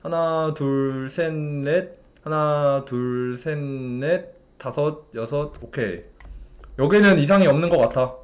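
A young man with a fairly high-pitched voice streams a game, speaking slowly. He gives live gameplay commentary, talking in an exasperated way to a game character and to his chat.

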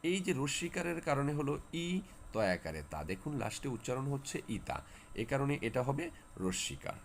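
Male teacher with a lively, swooping voice, drilling spelling rules for students; faint background hiss. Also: medium pitch, a little fast, creaky. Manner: repeats key words, asks and answers his own questions. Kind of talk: spelling lesson for exam students.

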